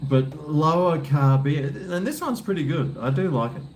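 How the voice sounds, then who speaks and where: Rambling casually to viewers of his cooking livestream, a blokey, laid-back Australian speaks at a moderate pace in a voice on the high side. There's faint noise in the background.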